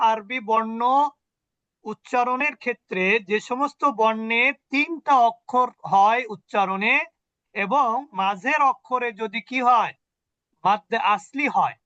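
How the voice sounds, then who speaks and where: Male recitation teacher, high and bright, unhurried, answers his own questions, dull dry call audio. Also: no echo. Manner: asks questions and answers them himself, slow and deliberate. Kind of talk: online tajweed lesson. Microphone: video call.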